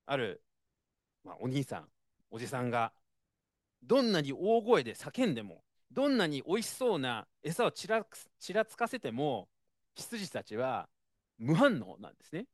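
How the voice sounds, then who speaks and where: Male preacher, casual and expressive sermon, very lively pitch, dry close sound. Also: moderate pace, no room sound. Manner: conversational, expressive, frequent fillers.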